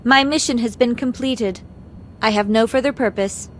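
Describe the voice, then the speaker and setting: A woman voicing a cold, emotionless young living weapon in an anime dub, detached and flat. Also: a little high, moderate pace, slight background noise, lightly acted.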